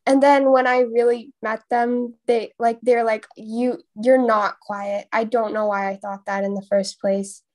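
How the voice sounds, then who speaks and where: A woman's voice: fairly high pitch, little pitch movement, moderate pace, hardly any pauses, darkish tone. A teenage girl with an Indian accent co-hosting a podcast in casual chat, hesitant and full of "like". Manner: hesitant, heavy use of "like". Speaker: podcast co-host.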